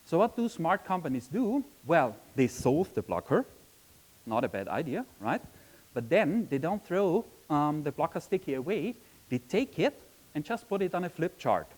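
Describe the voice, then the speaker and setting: A man's voice: on the high side, very animated, normal speed, darkish tone, poor audio. Chatty man giving a conference talk. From Austria. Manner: chatty, frequent "um" and tag question "right?". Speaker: conference speaker. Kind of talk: conference presentation. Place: conference session room.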